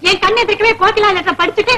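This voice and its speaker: An actress playing an anxious, naive young wife who frets and pleads in an old film comedy. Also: female voice, very high-pitched, steady tone, racing, pushed and bright, faint music behind. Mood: hurt. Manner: fretful, pleading, impulsive. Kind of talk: 1970s Tamil film comedy acting.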